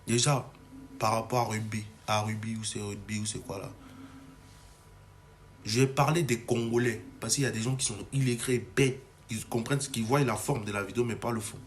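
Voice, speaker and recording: A man's voice: on the low side, fairly even intonation, a little fast, slight background noise. A young adult man from Cameroon delivering an agitated, ranting monologue to camera, full of restarts. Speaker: comedy video maker.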